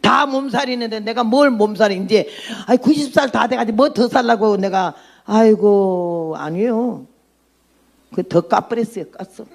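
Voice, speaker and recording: A woman's voice: on the high side, normal speed, vocal fry. An outspoken woman in her eighties preaching a testimony sermon as a missionary, blunt and emphatic. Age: 80s.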